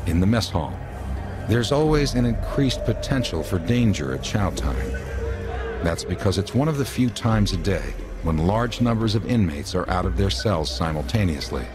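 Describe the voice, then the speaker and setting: An American man reading scripted documentary narration in a measured, serious narrator's delivery. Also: deep voice, lively intonation. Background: music.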